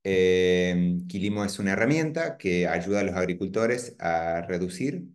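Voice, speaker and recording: A man's voice: deep voice, expressive, unhurried. A man hosts an online webinar. He speaks over a video call in a hesitant way, with frequent "eh" fillers and restarts. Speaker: host and company founder. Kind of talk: webinar introduction.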